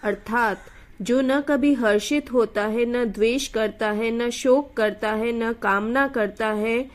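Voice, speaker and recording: A woman reading out the meaning of a scripture verse in a slow, solemn, formal way. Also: a little high.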